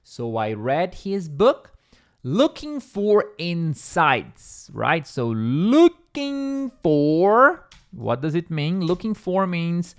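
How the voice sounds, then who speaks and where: A man's voice: fairly high pitch, big pitch swings, slow. A man with a Brazilian Portuguese accent teaching English vocabulary, repeating words and checking in with the listener. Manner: repetitive, checks in with "okay?" and "right?". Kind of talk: explaining vocabulary step by step.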